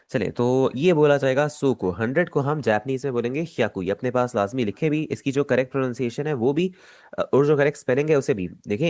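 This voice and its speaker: A man with a Pakistani Urdu accent, teaching an online language lesson, patient and repeating each step slowly. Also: medium pitch, a little mellow, no room sound, clean studio sound.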